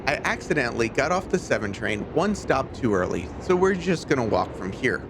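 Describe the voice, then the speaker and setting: Male travel narrator, mid-pitched and animated, informative tour delivery, faint background noise. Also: brisk.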